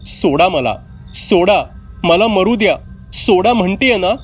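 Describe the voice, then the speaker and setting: A man voicing a distraught young woman in a spoken horror story, raising his voice high and pleading. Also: expressive, slow pace, slightly rough, faint music behind, full character voice. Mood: desperate. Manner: pleading, high-pitched and loud. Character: distraught young woman about to end her life.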